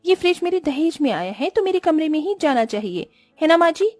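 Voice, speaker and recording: A woman voicing a selfish, spoiled rich young wife who talks in a shrill, demanding way in a cartoon. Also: sing-song, fairly quick, darkish tone, no echo. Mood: angry.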